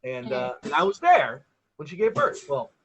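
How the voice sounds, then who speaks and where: A male road comic delivers punchy stand-up jokes in a conversational, self-mocking way. His voice sits high and swings widely in pitch as he acts out little exchanges with mock exasperation. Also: wildly swooping pitch, normal speed, a loud crowd, rough recording. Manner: conversational storytelling with acted-out exchanges.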